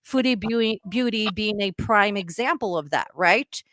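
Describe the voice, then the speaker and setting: A woman's voice: medium pitch, measured pace, fairly bright tone, no room sound, clean studio sound. A woman with a Spanish accent on a podcast livestream, speaking in an upset, emphatic way and often repeating herself. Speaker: podcast co-host. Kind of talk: heated livestream discussion.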